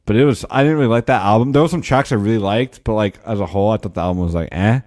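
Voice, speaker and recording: A man's voice: fairly low pitch, racing, a little mellow, dry recording, studio quality. A young man chatting casually in a bro-ish, slangy frat-bro manner. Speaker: podcast participant. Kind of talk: casual chat.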